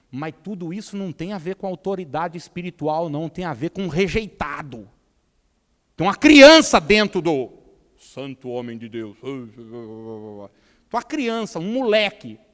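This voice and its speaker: Man, pastor, São Paulo state accent, high voice, humorous lively sermon, long church hall reverb. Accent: Brazilian Portuguese, São Paulo state. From Brazil. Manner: lively, humorous preaching, acting out quoted people, calls the congregation to repeat.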